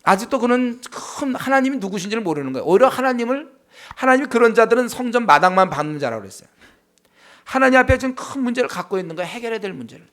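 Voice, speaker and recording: High-voiced emphatic male pastor. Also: big pitch swings, fast, a bit bright. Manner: emphatic, rhetorical questions, frequent affirming "yes". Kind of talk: Bible study sermon.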